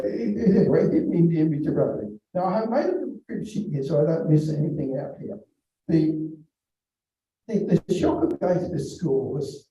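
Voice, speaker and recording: An older man from England telling rambling standup stories about his school days, halting with many restarts. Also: a little high, warm tone. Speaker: comedian. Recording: distant, dull, very echoey room.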